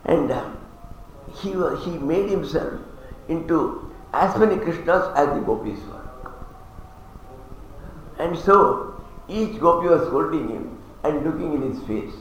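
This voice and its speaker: A man's voice: fairly high pitch, expressive, a little slow, long pauses. A man, chanting Sanskrit verses and explaining them in a religious discourse with touches of humor. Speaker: religious teacher. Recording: very echoey hall, faint background noise.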